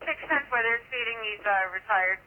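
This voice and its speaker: A woman's voice: mid-range voice, moderate pace, a little hiss or hum. A woman dispatcher reading out police calls in a clipped, businesslike way over two-way radio. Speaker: emergency dispatcher. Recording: tinny phone-like police scanner audio.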